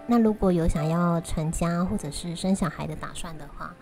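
A woman with a Taiwanese accent and a slightly low voice talks casually to her viewers. She chats while eating, with hesitant, halting phrasing. Music plays clearly behind her voice. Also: warm tone. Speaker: vlog host. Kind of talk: casual solo chat to viewers. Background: prominent music.

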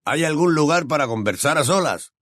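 A man's voice: fairly high pitch, expressive, a little fast, a bit bright, no echo, studio quality, pitched above the performer's own voice. A man reading an audiobook, voicing a gaunt, stern older minister who speaks in a clipped, formal way. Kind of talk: audiobook character voice.

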